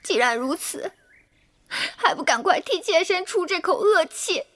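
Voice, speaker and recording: A high-voiced, vengeful noble lady. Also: animated, a little slow, bright, forceful tone, heavily acted. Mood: bitter. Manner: bitter, insistent, demanding. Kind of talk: period TV drama dialogue.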